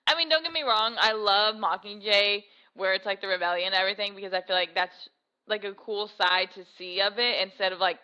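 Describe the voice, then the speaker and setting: A young woman co-hosting a casual podcast chat, animated and filler-heavy, swearing freely. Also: medium pitch, brisk, clean tone, muffled recording. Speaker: podcast co-host.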